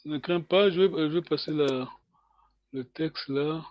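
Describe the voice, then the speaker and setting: Brief: male teacher on a video call, high voice, unhurried and halting, dull dry lo-fi audio. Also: no room sound. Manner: patient, hesitant, many pauses and fillers. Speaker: language teacher. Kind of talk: online language lesson.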